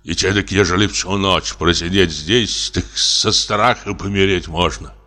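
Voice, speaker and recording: A man voicing a drunk, frightened old comic actor in his late fifties, speaking in a slow, trembling, self-pitying lament. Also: deep voice, sharp tone, big-room sound. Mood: fearful. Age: older. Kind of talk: audiobook character reading.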